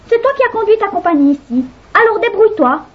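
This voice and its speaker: Woman doing a haughty female dragonfly, indignant, very high lively voice, lo-fi storybook. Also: quick pace. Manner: indignant, scornful.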